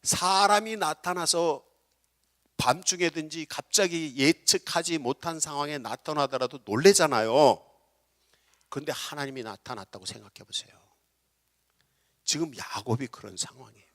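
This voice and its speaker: A middle-aged man preaching a sermon as pastor, swinging from low, quiet asides to loud, soaring declarations. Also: normal speed, pauses often. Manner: preaching with sudden loud rises.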